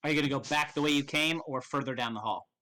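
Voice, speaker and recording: A man acting as game master, improvising narration in a casual, halting way and swearing freely. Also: fairly high pitch, pushed and bright.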